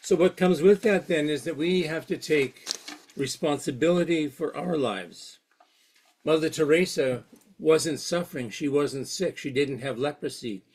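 A man giving an earnest, reflective faith talk at a parish session, reading quotations aloud with halting restarts. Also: on the high side, a little mellow, breathy edge.

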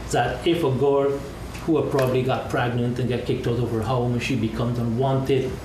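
Earnest pandit in a roomy studio. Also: male voice, mid-range voice, fairly even intonation, moderate pace, distant mic, background noise. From Guyana. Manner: earnest, repeating key phrases. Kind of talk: studio talk show interview. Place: TV studio set, seated on sofa.

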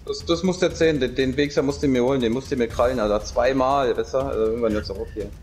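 A man's voice: medium pitch, steady tone, quick pace, a little mellow, a little hiss or hum. A man talking in coarse slang to teammates in a casual gaming voice chat. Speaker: gamer, squad teammate.

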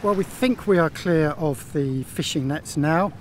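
A sailing vlogger in his fifties chats casually to camera on a sailboat deck outdoors, speaking through a small clip-on mic. His voice is fairly high and unhurried, his commentary relaxed, with slight background noise.

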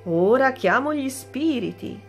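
Woman playing a sly outlaw posing as fortune-teller, coaxing, theatrical, bright higher voice. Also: animated, unhurried, faint music behind.

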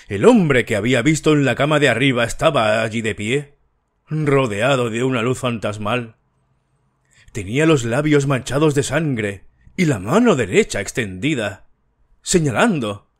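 A man reads a mystery audiobook in the first person, taking his time over each phrase. His voice sits at a middle pitch, and his delivery is measured and even. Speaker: audiobook narrator.

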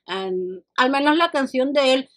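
A woman vlog host giving measured, analytical commentary and addressing her viewers directly. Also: high-pitched, animated.

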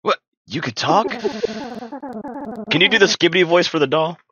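A man's voice: high voice, expressive, measured pace, highs cut off, crowd noise. A young man giving casual, joking game commentary in a slangy, profane, playful manner, close on the mic. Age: young adult. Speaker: game streamer. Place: small indoor streaming room.

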